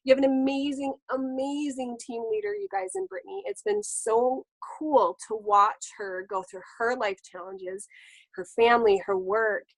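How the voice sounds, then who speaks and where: A woman giving an enthusiastic, animated pep talk as a guest on a team webinar over a video call. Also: a little high, dry recording, low-quality recording. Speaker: guest speaker.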